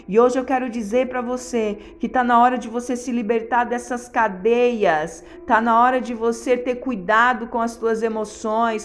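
Uma pastora brasileira pregando um sermão com sotaque brasileiro, em tom sério e exortativo, encenando orações a Deus. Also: female voice, fairly high pitch. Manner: earnest, exhorting, acts out prayers to God. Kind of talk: sermon.

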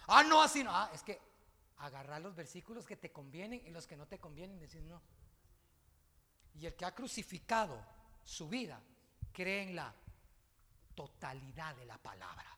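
A man preaching a sermon as pastor, emphatic, swinging from hushed asides to loud, forceful peaks. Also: on the high side, sing-song, moderate pace, long pauses, long reverb tail.

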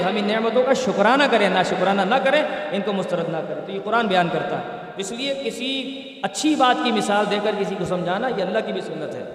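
A man's voice: high-pitched, fairly bright tone. A man giving a sermon, teaching by story and rhetorical questions. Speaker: preacher. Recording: echoey hall, voice from far off.

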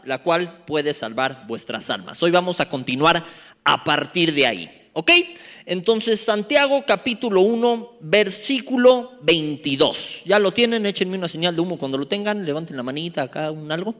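A man gives a sermon from the pulpit. His voice sits high and swoops up and down with animated energy, and he breaks off now and then to banter with his listeners. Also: moderate pace. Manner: animated, playful asides to the congregation. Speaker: preacher.

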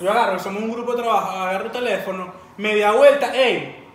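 A man's voice: sits high, fairly even intonation, quick pace, fairly bright tone. A man in casual chat who talks emphatically and uses a lot of slang. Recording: echoey room, far from mic, faint noise.

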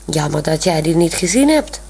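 A woman's voice: low-pitched, sing-song, normal speed, creaky, darkish tone, breathy edge, full character voice. A woman voicing a proud, self-assured young woman who explains things plainly, in a radio story reading. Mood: pleased.

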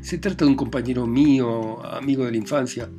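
A man voicing a humiliated gentleman who pleads and grovels to be believed. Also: mid-range voice, fairly even intonation, a little fast, faint music behind, close to an everyday voice. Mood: pleading. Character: pleading, humiliated middle-aged man caught under a bed.

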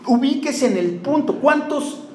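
Mexican male preacher, high voice, quizzing and joking with his flock; echoey church hall, faint noise behind. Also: lively intonation, a little slow. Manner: peppers the congregation with rhetorical questions and jokes. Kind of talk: sermon.

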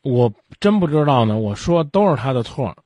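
A man's voice: mid-range voice, sing-song, normal speed, mellow, dry recording. Blunt, scolding male radio host. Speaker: radio call-in advice host. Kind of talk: late-night radio advice talk. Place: radio studio. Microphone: studio microphone.

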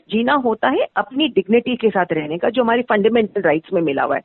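Woman guest expert over a dry, tinny phone line; earnest, halting, restarts often. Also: fairly high pitch, no room sound. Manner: earnest, many hesitations and restarts. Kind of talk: explanatory interview answers.

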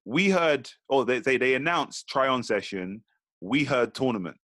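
A man co-hosting a podcast, telling stories in a lively, slangy way. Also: medium pitch, a little slow, no room sound. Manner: animated storytelling, slangy. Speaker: podcast co-host. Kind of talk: casual podcast chat.

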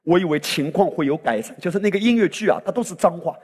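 A man preaching from the pulpit in a husky, somewhat high voice, pressing his points with fervor. His calls ring out into the exclamations of an impassioned sermon. The long reverb of a church hall trails behind every phrase. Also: expressive, fast talker, darkish tone. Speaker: pastor.

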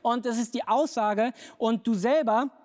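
This is a preacher delivering a relaxed sermon in a conversational register, speaking straight to the listener. Key phrases come round again and again for emphasis, and the middle-range voice stays easygoing throughout. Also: medium pitch, a little slow. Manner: colloquial, direct address to listeners. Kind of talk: casual sermon.

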